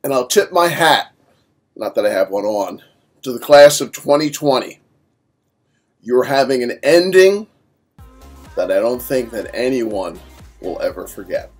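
A man's voice: fairly low pitch, animated, measured pace, long pauses, breathy edge, soft background music. Man teacher giving a casual farewell. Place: at home.

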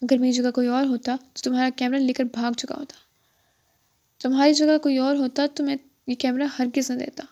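A woman's voice: high-pitched, little pitch movement, darkish tone, dull audio, natural voice. A woman voicing a tall, charming foreign male mountain climber with a playful, dryly teasing manner, in an audiobook.

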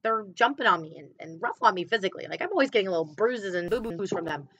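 A woman's voice: mid-range voice, expressive, fast talker, a bit bright, breathy edge, no echo. A woman in her thirties talking candidly and emotionally in a casual personal vlog about her sales business and her kids. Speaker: clothing sales consultant. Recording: slightly dull, dry sound.

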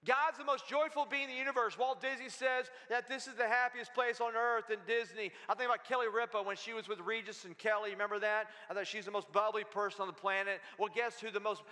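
A pastor preaching an energetic sermon in a church, calling out to the congregation for answers. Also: male voice, sits high, fast talker, hardly any pauses. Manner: energetic, calls out to the congregation for responses. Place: church sanctuary. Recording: long hall reverb in a church.

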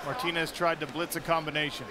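A man's voice: a little high, level tone, fast. A man giving live play-by-play fight commentary as a broadcast commentator. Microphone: broadcast commentary microphone. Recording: loud music and crowd behind.

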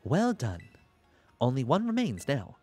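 A man voicing a formal, emotionless woman scientist in a video game, with flat, stiff amateur acting. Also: mid-range voice, measured pace, slightly rough, faint music behind, heavily acted. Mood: formal, detached.

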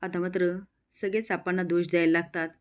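Woman with a lowish voice retelling a drama. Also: little pitch movement. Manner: brisk storytelling, quoting each character. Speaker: narrator.

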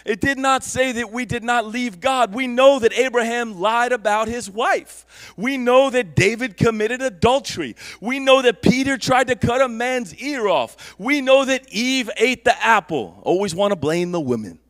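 A male pastor giving a Sunday church sermon, preaching with passion that builds to shouts. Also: very high voice, unhurried. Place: church service.

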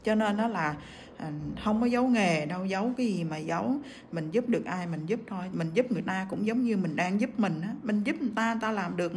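On a livestream, a medium-pitched woman who's sick with a cough chats through a nail art tutorial while reading viewer comments aloud. A little hiss or hum runs under the recording.

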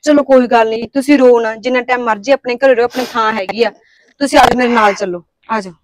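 An actress with a Punjabi accent playing an earnest, kind-hearted young daughter-in-law who talks back at home and consoles a stranger. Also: female voice, fairly high pitch, quick pace, no echo, lightly acted. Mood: consoling. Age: young adult. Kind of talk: village family drama acting.

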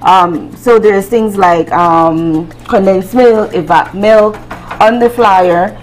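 A middle-aged woman guesting on a cooking show as a brand representative chats through promotions and products in a medium-pitched, slow voice. She's on a TV studio kitchen set wearing a lapel mic, and the audio quality is poor.

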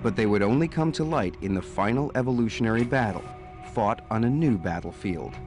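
Low-voiced man narrating a nature documentary. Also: animated, brisk. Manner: dramatic, storytelling. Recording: music under the voice. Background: music.

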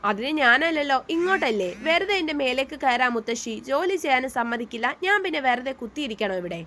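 Storybook reading: a pouting, indignant young woman about to marry, read by a woman, slightly high. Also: animated, fast, fairly bright tone, a little hiss or hum. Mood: sulky. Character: sulky, defiant young bride-to-be.

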